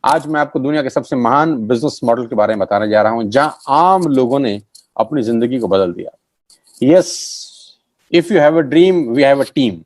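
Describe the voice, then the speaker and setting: Man, middle-aged, motivational sales pitch, emphatic and repetitive, dry close sound. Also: lively intonation, moderate pace, no room sound. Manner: emphatic, repeats key phrases. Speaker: network marketing trainer.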